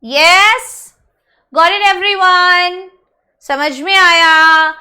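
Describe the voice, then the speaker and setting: Woman teacher, high bright voice, grammar class, slow drilling of word forms. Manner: drills words slowly, one by one; mixes Hindi explanation with English terms. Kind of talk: online English grammar lesson.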